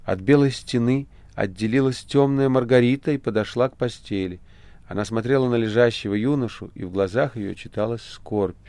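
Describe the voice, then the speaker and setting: A man narrating a literary audiobook with a measured, expressive reading. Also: mid-range voice, no echo.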